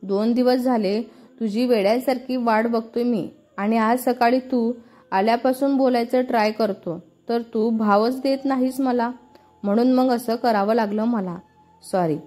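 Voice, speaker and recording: A woman's voice: a little high, steady tone, a little slow, dark tone. A woman reading the lines of a brash, teasing young male college student in a storybook. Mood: coaxing.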